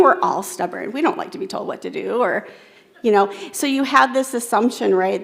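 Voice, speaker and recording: A woman with a slightly high, gravelly voice speaks to a live audience at a keynote. She asks questions, takes answers and repeats them back so the whole room hears. Her delivery is engaging and conversational. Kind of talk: interactive talk with audience.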